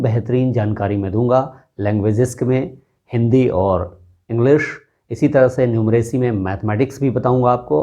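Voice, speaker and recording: A man hosting his own channel, teaching a Hindi grammar lesson slowly and deliberately, stretching out sounds to demonstrate them. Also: medium pitch, dark tone.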